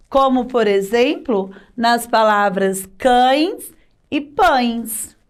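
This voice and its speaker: A woman teacher with a Brazilian Portuguese accent, giving a children's video lesson with a sing-song reading of example sentences and slow, drawn-out pronunciation of words. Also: a little high.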